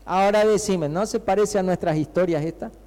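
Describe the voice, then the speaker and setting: A male pastor with an Argentine accent preaches in a fairly high voice, drawing the congregation in with rhetorical questions and acted-out cries. His voice carries a long reverb from the church hall around him. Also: fairly quick. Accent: Argentine Spanish. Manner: conversational preaching, rhetorical questions, acts out shouting disciples. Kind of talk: sermon.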